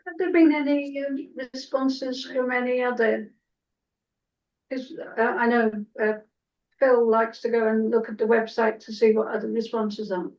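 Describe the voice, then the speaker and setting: A woman on the committee puts a casual question to the meeting. Her voice is fairly high and sits well back from the microphone. The audio is dull. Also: fairly even intonation, a little slow, a little mellow, distant mic. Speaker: committee member.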